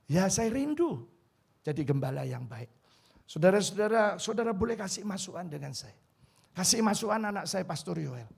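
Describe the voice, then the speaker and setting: A man in his fifties preaching a sermon in a church hall, his voice pitched high with a husky, gravelly rasp. He pleads with the congregation, dropping to a hush and then surging loud. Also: sing-song, moderate pace. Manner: emotional, pleading, swings from quiet to loud. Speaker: pastor.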